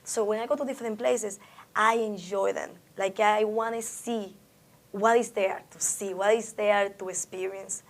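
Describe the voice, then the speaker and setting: A Dominican artist with a Dominican Spanish accent, a Spanish speaker, reflects on her art in an oral history interview, often starting sentences over. She has a mid-range voice with a steady tone and talks at a moderate pace.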